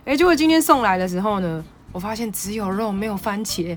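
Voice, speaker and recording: A woman with a Taiwanese Mandarin accent hosts her podcast in a casual, chatty storytelling manner. She gets animated and excitable as she talks. Her pitch sits mid-range for a woman, and faint music plays underneath. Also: fairly quick. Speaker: podcast host.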